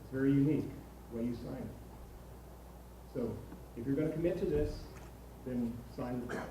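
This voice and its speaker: A man hosting a ceremony in a large auditorium, speaking informally and haltingly and repeating words. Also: mid-range voice. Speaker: ceremony host. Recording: very echoey hall, distant, faint noise.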